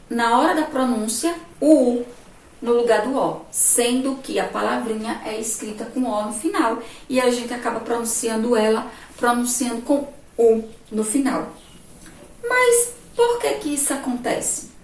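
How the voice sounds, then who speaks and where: A Brazilian woman teaching a remote lesson to young children, speaking patiently and asking them frequent questions, recorded from a distance with a faint background ambience. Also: a little high. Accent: Brazilian Portuguese. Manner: slow, patient, asks questions often. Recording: roomy echo, distant mic, faint noise.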